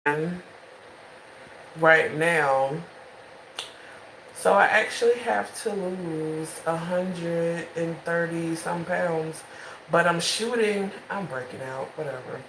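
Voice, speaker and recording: A woman's voice: lowish voice, slow pace, fairly bright tone, roomy sound, a little hiss or hum, poor audio. A woman in her twenties talking casually and frankly in a late-night home vlog, rambling between thoughts, with the phone held in her hand. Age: 20s. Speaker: vlogger.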